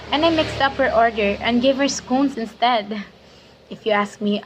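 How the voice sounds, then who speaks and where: A woman's voice: mid-range voice, slight background noise, natural voice. A woman playing a tired Filipino immigrant mother who works long shifts at a shop counter, speaking with a Filipino accent in a weary, wistful tone. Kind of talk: student dramatic reading.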